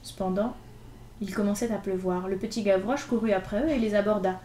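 A woman reading a classic novel aloud in an expressive, lively storytelling manner. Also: mid-range voice, fairly quick, a little hiss or hum. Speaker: reader. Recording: echoey room with faint ambience.

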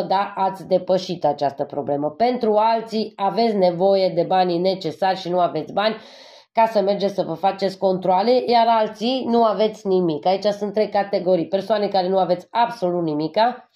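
A woman from Transylvania reads tarot cards for her viewers in a lowish, warm voice, slightly congested from a cold. She talks to them affectionately and tags her points with a questioning "yes?". The recording sounds dull and lo-fi. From Transylvania, Romania. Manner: addresses viewers fondly, constantly checks in with a questioning "yes?". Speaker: tarot card reader. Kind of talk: general tarot reading to viewers.

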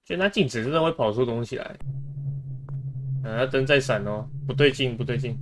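A man's voice: mid-range voice, fairly quick. A young man gives casual, chatty horror game commentary, muttering reactions and frequent exclamations as he plays. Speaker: gaming streamer. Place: indoor room, webcam setup. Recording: clear noise, game ambience behind voice. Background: horror game sound effects.

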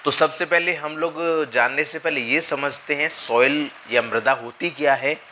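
A young exam coaching teacher lectures at a whiteboard in a slightly high, slightly hoarse voice left over from a cold, his tone bright and forceful. He explains each point patiently, hesitating and pausing often to check students are following. His lapel mic catches a faint hiss of classroom ambience.

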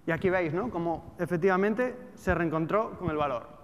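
With the highs cut off, the audio carries a high-pitched male voice at normal speed, echoing through a hall with background noise. The speaker, a trader and trading educator in his thirties with a European Spanish accent, gives a casual, colloquial talk full of rhetorical questions to a seated audience on a large auditorium stage.

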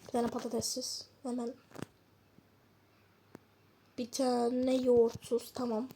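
Woman gamer chatting over gameplay, high mellow voice, talks to herself, gets annoyed at the game. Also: flat delivery, slow, vocal fry, a little hiss or hum. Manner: chatty, mutters to herself, frustrated outbursts at the game. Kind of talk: casual gameplay commentary.

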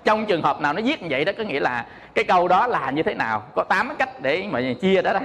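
A Buddhist monk teaches an audience, breaking ideas down step by step, scattering fillers and checking that they follow. His voice sits high for a man. The sound carries a long hall reverb. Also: sing-song, quick pace, a bit bright, slight background noise. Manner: explanatory, often asks "hiểu không?", many "à" fillers. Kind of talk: dharma talk to an audience.

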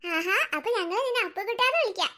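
A woman's voice: very high-pitched, expressive, fast, pushed and bright, heavily acted. A woman voicing a kind teenage big sister in a cartoon, gushing and cooing over a baby. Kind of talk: cartoon voice acting.

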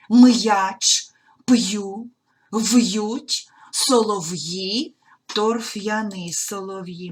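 A woman teaching a primary school language lesson on video, sounding out words slowly and carefully as if dictating. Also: medium pitch, breathy edge. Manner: slow, careful dictation-like articulation, stretching out words.

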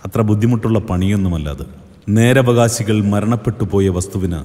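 A man narrating a horror audio story in an intense, theatrical way that rises to shouts. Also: on the low side, a little fast. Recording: reverberant with music behind.

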